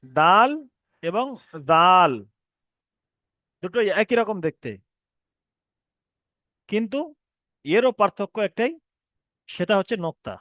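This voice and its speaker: A man teaching an online reading class, who explains patiently and drags out each letter name slowly. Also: high voice, expressive, bright, forceful tone, dry recording, dull audio. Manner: explains patiently, repeats letter names slowly with long drawn sounds. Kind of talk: recorded online class lesson.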